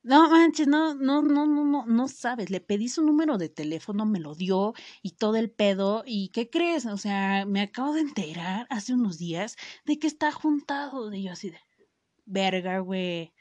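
A woman's voice: mid-range voice, lively intonation, moderate pace, a little mellow, no echo, lo-fi sound. Slangy young Mexican woman vlogging. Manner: slangy, full of fillers and swearing; frequent self-interrupting restarts. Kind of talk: casual storytelling to viewers.

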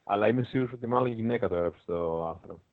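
A man with a fairly low voice chats casually as a podcast co-host. He often chimes in to agree. His sound is a bit dull and lo-fi, with a dry room. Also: no room sound. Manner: agreeing, brief interjections. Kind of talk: casual chat.

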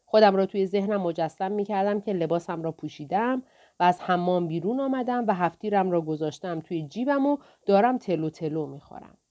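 A woman narrating an audiobook in the first person with steady storytelling. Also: medium pitch, dull audio. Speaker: audiobook reader.

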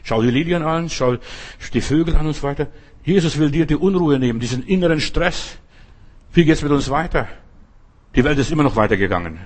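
A man preaching a sermon, repeating key phrases and slowing down to stress them. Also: fairly high pitch, animated.

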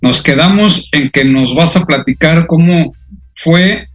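A man hosting a casual radio interview, prompting his guest with relaxed questions. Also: fairly high pitch, slow, a little hiss or hum. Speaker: radio show host.

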